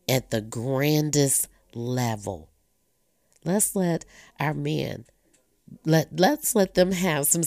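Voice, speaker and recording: A woman's voice: low voice, a little mellow, dry recording, studio quality. A woman in her fifties giving a candid, earnest monologue as she reflects on her family and faith. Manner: talkative, earnest and personal. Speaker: blogger sharing personal reflections.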